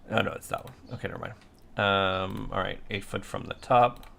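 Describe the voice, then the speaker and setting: A man's voice: lowish voice, steady tone, normal speed, vocal fry, fairly bright tone, slight background noise. A sleepy man thinking aloud as he works through a 3D design on his computer. He mutters to himself and repeats little words over and over. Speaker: designer working through a 3D model.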